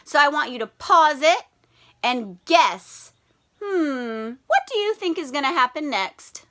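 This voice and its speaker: A teacher, a woman, reads aloud from a picture book for little kids in a bright, high voice full of lively rises and falls. Frequent pauses let her ask the listeners questions.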